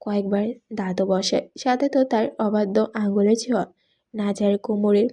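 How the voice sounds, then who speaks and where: A woman narrating a romance story as an audiobook, in a steady, expressive storybook reading. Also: mid-range voice, moderate pace, breathy edge.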